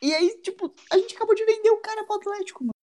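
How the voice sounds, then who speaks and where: A woman with a Brazilian Portuguese accent hosting a casual football podcast, chatting in an animated, slangy, teasing way. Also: extremely high pitch, racing. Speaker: podcast host.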